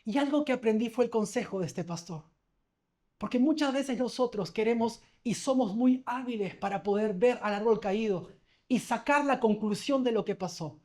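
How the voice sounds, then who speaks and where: A man's voice: very high-pitched, normal speed, a little mellow. A man preaching a sermon as pastor, talking conversationally, telling stories and asking the congregation questions.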